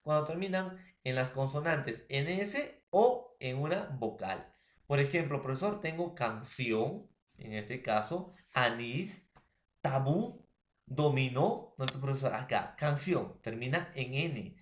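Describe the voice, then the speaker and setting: A male teacher walks his students through a grammar lesson, speaking at a middling pitch. He works step by step and keeps checking in with his listeners. The room around him sounds echoey. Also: animated, takes it slowly. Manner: explains step by step, calls the listeners "profesor" and "jóvenes". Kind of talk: classroom lesson.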